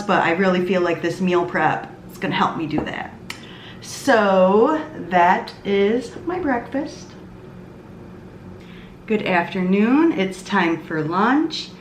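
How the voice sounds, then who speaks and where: A woman's voice: mid-range voice, measured pace, a little hiss or hum. Chatty woman food vlogger, echoey kitchen. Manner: chatty, laughs often. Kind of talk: casual food vlog narration.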